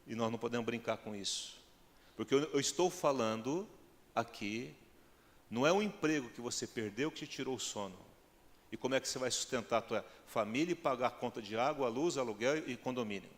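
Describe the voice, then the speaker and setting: A man's voice: mid-range voice, a little fast. A male pastor with a Brazilian accent preaching a sermon, firing rhetorical questions at the congregation and building to emphatic peaks. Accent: Brazilian Portuguese. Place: church hall. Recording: long church hall reverb.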